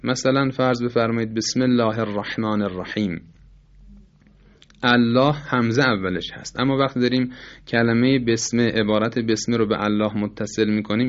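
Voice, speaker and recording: A man's voice: fairly low pitch, dull audio. A man teaching Quran recitation rules in a formal, patient lesson, politely repeating and explaining with examples.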